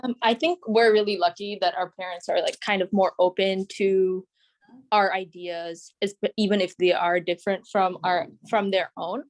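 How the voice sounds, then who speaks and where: A woman's voice: medium pitch, steady tone, moderate pace. A young woman from Canada joining a video call as a guest, speaking thoughtfully with lots of "like" and "um". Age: young adult. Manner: thoughtful, many fillers like "like" and "um". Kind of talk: casual discussion.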